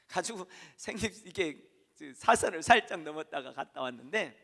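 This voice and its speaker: A man from South Korea preaching an emphatic sermon as a pastor, telling stories and swinging between loud and quiet. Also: high-pitched, big-room sound. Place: church.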